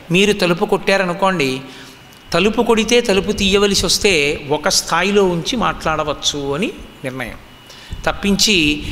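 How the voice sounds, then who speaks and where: A man's voice: high voice, sharp tone, slight background noise. A man from the Andhra region giving a religious discourse, teaching emphatically and asking rhetorical questions. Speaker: spiritual discourse speaker. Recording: long hall reverb.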